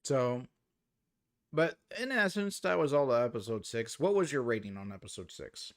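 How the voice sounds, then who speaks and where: A man's voice: mid-range voice, sing-song, moderate pace. Easygoing man hosting a review chat. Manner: easygoing, leads the discussion and asks for ratings. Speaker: host. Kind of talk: casual watch-party chat.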